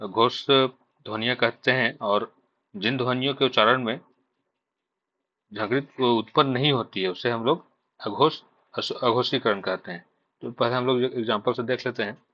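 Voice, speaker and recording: A man teaching an exam revision lesson, slowly listing letters one by one. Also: mid-range voice. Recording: dull lo-fi sound.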